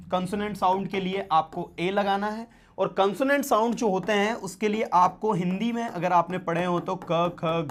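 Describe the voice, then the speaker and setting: Guy teaching english grammar, keeps going "right? hai na?", writing on a board as he talks. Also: high voice. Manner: explains step by step with frequent "है ना" and "right?" check-ins; writes words on a board while talking. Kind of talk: casual classroom explanation.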